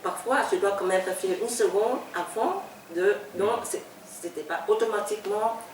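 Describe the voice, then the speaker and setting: A woman's voice: medium pitch, a little hiss or hum. Older Vietnamese-accented woman, echoey and distant. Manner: halting, repeats words, laughs often. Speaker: novelist. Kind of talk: reminiscing in an interview. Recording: echoey room, speaker off-mic.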